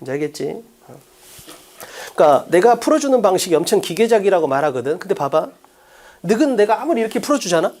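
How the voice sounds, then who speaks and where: A middle-aged man teaching an English exam-prep class in a lecture studio, animated, drilling students with quick questions in casual speech. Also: sits high.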